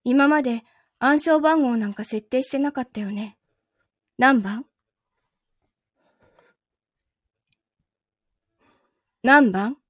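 In a Japanese audio drama, a high-voiced woman plays a possessive, wronged girlfriend holding her lover captive. She interrogates him calmly and with cool, soft menace, taunting him gently and sometimes whispering, always in control. The recording is close and dry, and her pace is a little slow.

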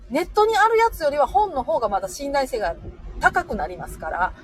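A middle-aged woman from Osaka and Nara with a Kansai accent, talking off the cuff on a livestream in a rapid, chatty way. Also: high voice, wildly swooping pitch, slight background noise. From Osaka-born, raised in Nara. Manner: rapid chatty machine-gun talk. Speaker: livestream host. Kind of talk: unscripted livestream talk reading comments.

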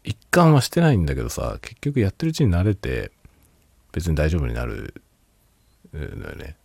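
A man's voice: very deep voice, wildly swooping pitch, normal speed, vocal fry, a little mellow, breathy edge, dry recording. A man hosting a casual solo talk show, rambling and laughing a lot while tipsy. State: drunk. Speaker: podcast host.

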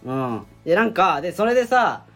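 A man's voice: high-pitched, big pitch swings, fairly quick, a bit bright, soft background music. A young man co-hosting a casual comedy podcast, telling stories and insisting on his point with laughs. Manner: chatty storyteller, laughing, insistent. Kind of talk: casual chat.

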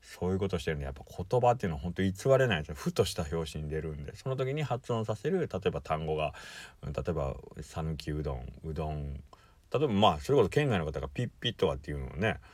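A deep-voiced man with a Sanuki accent rambles through a casual solo podcast, playfully repeating words. His pitch rises and falls in lively swings, and the sound is dry and close. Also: quick pace, no echo. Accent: Sanuki (Kagawa). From Kagawa, Japan.

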